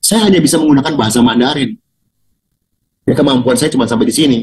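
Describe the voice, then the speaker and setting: An older man preaching a sermon over a video call, swinging from loud, mocking highs to low, quiet asides. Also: quick pace, low-quality recording. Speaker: pastor.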